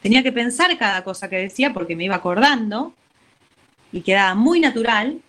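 A woman's voice: fairly high pitch, fairly quick. A woman with an Argentine accent, telling a story in a casual interview and acting out what people said. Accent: Argentine Spanish. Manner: animated, acts out quotes. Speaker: guest.

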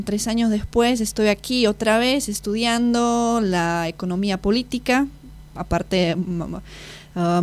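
With a mid-range voice, a young woman in her twenties from Slovakia answers interview questions casually as an exchange student guest. Slovak is her native language, and she hesitates, hunts for words and corrects herself as she goes.

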